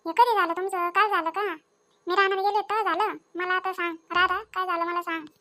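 A woman's voice: very high-pitched, steady tone, quick pace, sharp tone. A woman playing a bossy scolding mother-in-law. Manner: scolding, keeps demanding answers with "हा?".

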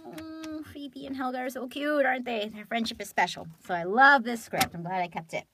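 In a brisk, fairly high voice, a woman in her thirties from California shows off her keepsakes for a casual show-and-tell vlog. She's a voice actress, and she keeps things animated and chatty, laughing a lot.

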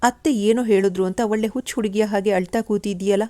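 A woman voicing a young man in a storybook who gently scolds and teases a young woman he cares for. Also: mid-range voice, fairly even intonation, fast, no echo, natural voice. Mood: chiding.

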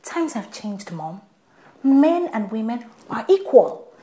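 An exasperated Nigerian young wife. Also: female voice, fairly high pitch, very animated, takes it slowly, mellow. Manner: exasperated, defensive. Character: busy young married woman, blogger. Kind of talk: film acting.

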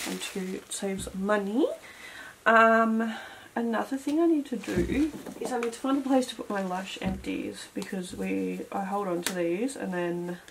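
A young woman in her 20s with a fairly low, vocal-fried voice rambles casually, full of fillers, while cleaning up her room. She's a beauty vlogger filming a clean-with-me chat in a cluttered indoor bedroom beauty room on a noisy home camera.

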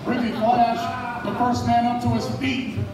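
A male wrestling commentator delivers excitable live play-by-play in a very high voice. He is heard from far off in a cavernous, echoey indoor venue. A loud crowd surrounds his calls. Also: measured pace. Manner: excitable, shouting at big moments.

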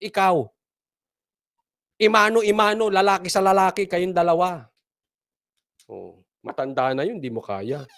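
A man's voice: high voice, measured pace, pauses often, a bit bright. A man hosting casual political commentary, mocking and laughing often and repeating his points for emphasis.

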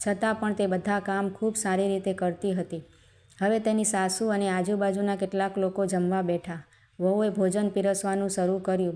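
A woman narrating a short story in a steady, even reading. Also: mid-range voice.

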